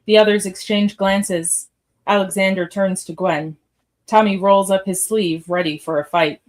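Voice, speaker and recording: A woman's voice: mid-range voice, steady tone, unhurried. A woman narrating a radio theatre piece, reading scripted stage directions.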